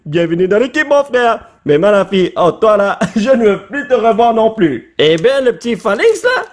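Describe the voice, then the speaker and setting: A man, short on sleep, chatting excitedly in a casual vlog while opening trading cards, tossing in English words. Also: sits high, moderate pace. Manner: excitable, shouts and laughs at pulls, mixes in English words. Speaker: YouTuber opening Pokémon cards.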